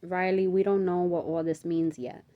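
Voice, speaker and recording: A woman's voice: lowish voice, normal speed, phone-quality sound, natural voice. A woman reading aloud as a practical, level-headed sister who speaks firmly. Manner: firm, calming.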